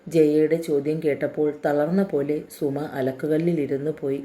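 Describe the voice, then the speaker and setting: A woman narrating a dramatic novel in a steady, emotive reading. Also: deep voice, normal speed. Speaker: storyteller. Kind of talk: scripted story narration.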